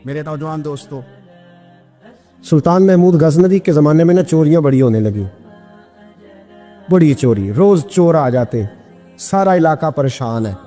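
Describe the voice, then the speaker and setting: A man from Pakistan preaching a storytelling sermon, emphatic, his voice climbing high at emotional peaks. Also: pauses often, dark tone. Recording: long hall reverb with music behind.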